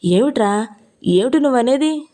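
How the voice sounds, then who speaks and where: A fierce old grandmother, put on by a woman reading an audio novel, proud and sharp-tongued. She scolds in raised, heated bursts, in a voice pitched well above the reader's own. The tone underneath stays mellow and dark. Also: animated, measured pace. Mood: shocked.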